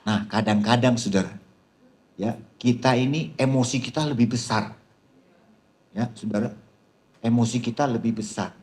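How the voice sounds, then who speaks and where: A man's voice: medium pitch, normal speed, long pauses, a little mellow. A man preaching a sermon to a seminar audience as pastor, constantly calling out to the crowd and mixing scripture with teasing jokes. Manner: addresses the crowd with repeated "saudara", teasing humor. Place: seminar hall.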